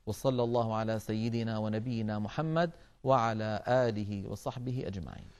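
In a recorded lesson, a man with a low, darkish, smooth voice teaches the rules of Quran recitation step by step. He addresses his listeners as brothers and fills pauses with a drawn-out "aah".

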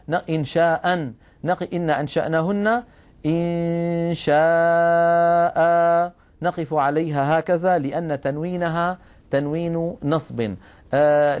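A middle-aged man giving a classroom-style lesson, explaining patiently and drawing out example words slowly. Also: on the high side, darkish tone. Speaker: Quran recitation rules teacher.

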